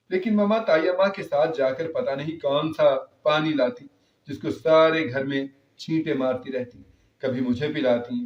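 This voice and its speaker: A man of middle pitch narrates an emotional story in the first person, earnest and heartfelt. The recording is roomy, with a slightly dull tone. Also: recorded from a distance.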